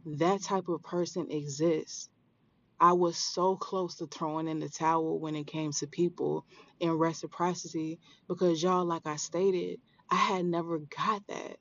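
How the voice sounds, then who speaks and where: Slow, gravelly motivational podcast host. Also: mid-range voice, steady tone, fairly bright tone, dull audio. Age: 30s. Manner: earnest, emphatic, addressing listeners directly. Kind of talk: motivational spiritual podcast talk.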